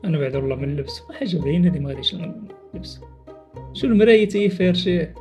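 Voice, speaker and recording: A man's voice: a little high, lively intonation, very fast, warm tone, soft background music. A man with a Moroccan accent chatting casually and teasingly as he reacts to clips, with exclamations. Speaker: video creator reacting to funny clips.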